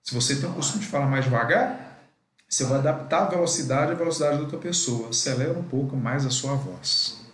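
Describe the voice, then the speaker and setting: A man's voice: mid-range voice, a little fast, reverberant, slight background noise. A man with a Brazilian Portuguese accent teaching a live online class, with a didactic manner and frequent asides to his students. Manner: didactic, addresses students as "gente".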